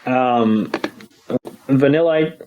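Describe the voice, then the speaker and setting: A man's voice: medium pitch, drawn-out words, lo-fi sound. A man co-hosting a podcast, retelling a cartoon episode in a casual, jokey way with plenty of fillers. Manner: jokey, laid-back storytelling with fillers. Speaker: podcast co-host. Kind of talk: casual recap chat.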